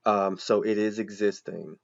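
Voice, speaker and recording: A man's voice: fairly low pitch, fairly even intonation, unhurried, gravelly, dull audio. A man in his forties, an accountant, chatting casually as he thinks aloud through a walkthrough and talks to viewers directly.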